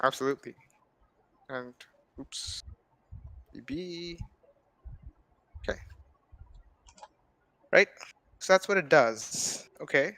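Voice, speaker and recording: A man's voice: on the high side, takes it slowly, long pauses, sharp tone, a little hiss or hum, rough recording. A young man, a math student, casually explaining ideas over a video call, full of hedging fillers and checking in with "right?". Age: young adult. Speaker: guest speaker, math student. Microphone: video call mic.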